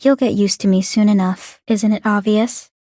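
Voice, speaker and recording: This English video game voice acting features a woman with a medium-pitched, warm, steady voice at a moderate pace, close to how she'd normally speak. Recorded cleanly in a studio without room sound, she plays an aloof, bookish young warrior maiden, composed, formal, precise and detached, her mood calculating.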